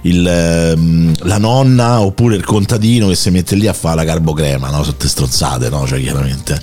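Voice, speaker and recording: A man's voice: low voice, moderate pace, a little mellow. A man hosting a talk-radio show, steering the casual chat with crude jokes. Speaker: radio host.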